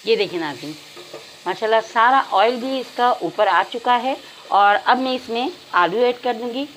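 Woman cooking host, fairly high voice, calm instructional home-kitchen narration, faint sizzle behind. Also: normal speed, a little hiss or hum, low-quality recording. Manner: calm, instructional, addresses viewers directly. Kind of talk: step-by-step recipe narration.

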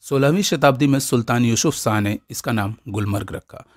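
A man's voice: mid-range voice, no room sound, studio quality. Man reading a travel voice-over. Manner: measured, informative. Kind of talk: scripted voice-over narration.

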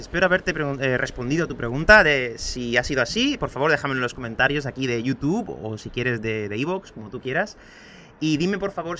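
A man's voice: mid-range voice, sharp tone, a little hiss or hum. A man from Andalusia with a light Spain Spanish accent, teaching a podcast lesson and patiently explaining while addressing the listener directly, recorded on his outdoor home terrace. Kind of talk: podcast lesson answering student questions.

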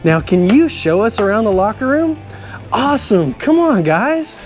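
Over music, a middle-aged man playing a cowboy host leads kids on a stadium locker room tour, his voice sitting high and very animated at normal speed. Exclamatory and full of enthusiasm, he laughs frequently throughout this cheerful children's show segment.

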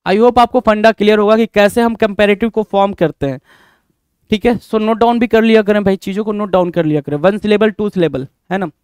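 Indian man, English teacher, live online class, high smooth voice, dry close sound, repeats points, rhetorical questions. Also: fairly quick, a little mellow, no room sound. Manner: addresses students as bhai, answers chat comments by name.

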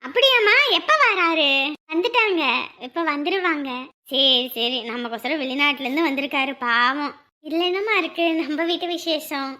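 A woman playing a fussy, warmly scolding mother figure in a family drama. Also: sits high, expressive, normal speed. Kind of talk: dubbed family serial drama.

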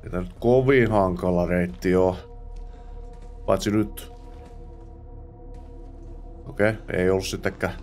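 A man's voice: low voice, long pauses, darkish tone, soft background music. A man hosting a let's play, chatting to himself as he plays and dropping English exclamations and curses. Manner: chatty self-talk, mutters while playing. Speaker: gamer host.

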